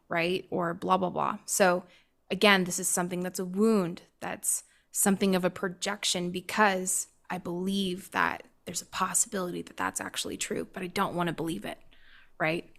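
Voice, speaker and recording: A woman's voice: lowish voice, vocal fry. A woman guest on a podcast, speaking as a spiritual coach, telling personal stories candidly and laughing often. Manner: candid, animated storyteller who laughs often. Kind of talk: casual podcast chat.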